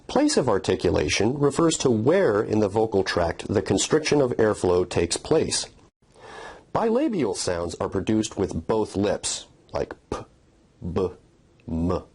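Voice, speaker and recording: A man's voice: on the low side, sing-song, unhurried, darkish tone, slightly rough. A man narrating a scripted phonetics lesson, explaining and demonstrating speech sounds in a methodical way. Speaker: phonetics instructor.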